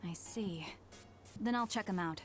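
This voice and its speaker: A woman's voice: medium pitch, measured pace, natural voice. A woman playing a protective older sister. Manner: calm, firm and guarded.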